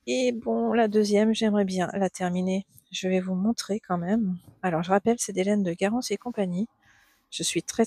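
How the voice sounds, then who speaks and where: A middle-aged woman chatting in a casual knitting vlog, gushing and excitable, repeating words and laughing often. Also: mid-range voice, slightly rough, no echo. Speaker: knitting vlogger.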